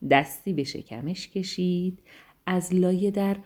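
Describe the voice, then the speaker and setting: A woman narrating a children's bedtime story, gentle and affectionate, speaking tenderly to the children. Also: lowish voice.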